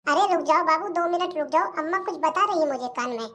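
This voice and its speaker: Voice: very high voice, fast talker, very noisy. Voice actor doing a clueless young son. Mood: puzzled. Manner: casual and puzzled, keeps asking questions. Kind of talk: cartoon comedy voice acting.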